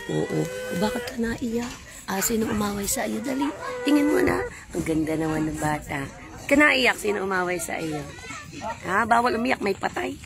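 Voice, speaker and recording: A woman from a church live-streaming on her phone as she walks outdoors beside railway tracks, chatting and greeting viewers and passers-by. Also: medium pitch. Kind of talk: casual live-stream chat. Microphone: phone held while walking.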